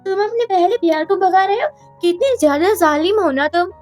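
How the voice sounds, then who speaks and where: A woman voicing a scheming young wife who is sharp-tongued and scolding. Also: very high voice, normal speed, faint music behind, voice pushed up. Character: scheming young wife chasing divorce and money.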